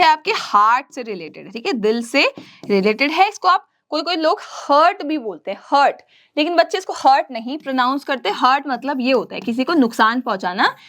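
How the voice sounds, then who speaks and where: A woman gives a science lesson to young children. She keeps asking the class questions, answers them herself, and checks in often to see that they are following. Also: high voice. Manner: frequent check-ins to the class; clears throat now and then. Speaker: teacher.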